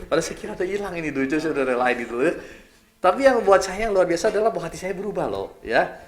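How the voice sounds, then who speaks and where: A middle-aged male pastor from Indonesia preaching in a casual, conversational style, lively and chatty, often tagging his phrases with a quick "ya". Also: high voice.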